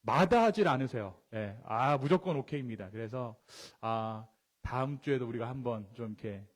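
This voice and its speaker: A male pastor giving a conversational sermon, often asking the congregation questions and swinging his pitch and loudness for emphasis. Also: lively intonation, normal speed. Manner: quietly voiced prayer.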